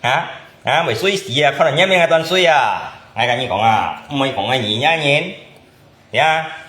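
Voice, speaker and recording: A man's voice: medium pitch, expressive, moderate pace, pushed and bright. Male host from Indonesia, casual chat, keeps tossing back short questions; mid-range voice, roomy reverberant sound. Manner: chatty, often asks back with short questions. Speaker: channel host. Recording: roomy echo.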